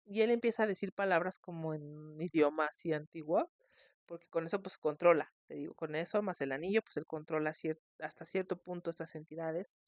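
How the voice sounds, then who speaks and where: A woman hosting a podcast, telling a scary case in a chatty, expressive way. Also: low voice, brisk, no room sound. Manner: chatty, expressive, shrieks in mock fright. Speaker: podcast host. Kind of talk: casual storytelling.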